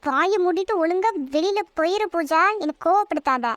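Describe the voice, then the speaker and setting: A woman's voice: very high voice, brisk, a bit bright, no room sound, dull audio. A woman voicing an irritable, heartbroken college-age older sister in a cartoon, who talks in a snappish, scolding way. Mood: irritated. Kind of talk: cartoon voice acting.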